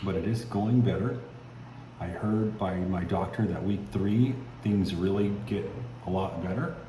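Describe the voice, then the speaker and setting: Low voiced guy doing a chill vlog update, stiff sore jaw, echoey noisy recording. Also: unhurried, dark tone. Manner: stiff, restricted mouth movement from a sore jaw after surgery; laid-back, addresses viewers as guys with tags like okay and right. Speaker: vlogger. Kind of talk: casual video diary. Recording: echoey, noisy self-shot recording with background rumble.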